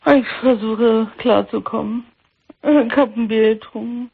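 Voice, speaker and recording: Older woman caller, grieving and near tears, gravelly and husky voice, tinny phone line. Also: fairly high pitch, fairly even intonation. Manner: halting, repeats herself. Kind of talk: phone-in call. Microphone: telephone.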